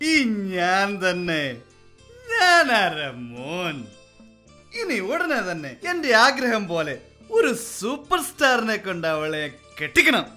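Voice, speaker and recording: A woman's voice: on the high side, sing-song, moderate pace, bright, forceful tone, exaggerated voice. A woman voicing a boastful, scheming middle-aged father who brags about his actress daughter, with faint music behind. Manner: bragging, sly, scheming.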